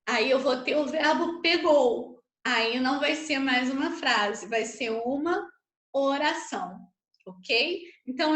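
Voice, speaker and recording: Recorded in an echoey room, a Brazilian Portuguese woman teaches an online grammar lesson with slow, patient explanations, regularly checking in with students via tag questions. Her voice sits high and sounds a bit bright.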